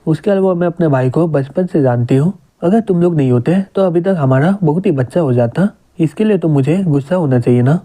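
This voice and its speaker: A man reading the lines of a teasing, possessive young woman in a manga recap, in a fairly high, very dark, soft voice. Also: fairly quick, hardly any pauses, natural voice. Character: clingy, jealous young woman sister figure.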